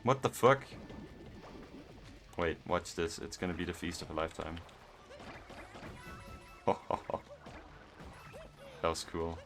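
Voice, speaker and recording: A young man thinks out loud while he plays a game, speaking in a flat, low monotone. His voice sits very deep, and faint music runs underneath. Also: unhurried, long pauses. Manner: monotone, rambling, musing aloud. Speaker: gaming vlogger. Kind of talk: casual gameplay commentary.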